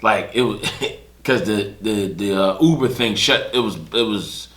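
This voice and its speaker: A man's voice: lowish voice, a little slow. A young man, telling casual stories on a podcast and acting out other people's lines. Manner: animated storyteller who acts out other people's lines. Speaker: podcast host. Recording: echoey room.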